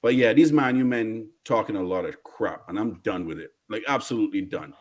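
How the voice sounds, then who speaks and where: A man's voice: lowish voice, a little fast. A man with a Barbadian accent on a casual football fan rant, emphatic, indignant and repetitive, full of slang. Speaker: football fan guest caller.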